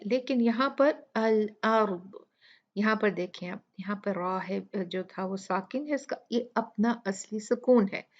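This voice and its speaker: A woman teaches tajweed in a slow, unhurried way, drawing out each example. She explains patiently, step by step. The sound is a little dull and lo-fi. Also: fairly high pitch. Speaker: Quran recitation teacher. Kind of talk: tajweed tutorial with recited examples.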